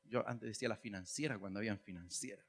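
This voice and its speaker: A man's voice: lowish voice, quick pace, breathy edge. A man preaching a sermon, chatty and humorous, then rising to emphatic calls. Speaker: pastor.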